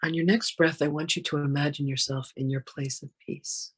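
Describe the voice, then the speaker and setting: An even, narrow pitch carries this guided meditation, spoken in a breathy, soft voice. Phrases come slowly and soothingly, separated by lengthy silences.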